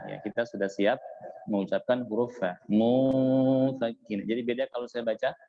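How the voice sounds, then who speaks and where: A man teaching Quran recitation. He explains each rule patiently, chants example words slowly, and keeps checking in with a short "ya". He is from Indonesia and speaks in a mosque hall. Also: on the low side. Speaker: Islamic teacher. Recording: echoey hall, dull lo-fi sound.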